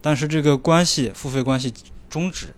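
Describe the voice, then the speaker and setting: A man's voice: a little high, brisk, a little hiss or hum. A man hosting a casual podcast chat, reflective and easygoing, asking questions. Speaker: podcast host.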